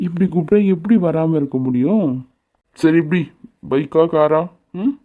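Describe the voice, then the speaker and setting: A woman's voice: low voice, a little slow, phone-quality sound. A woman voicing a teasing, lovestruck young man in a cartoon, coaxing and playfully bossy. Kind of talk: cartoon voice acting.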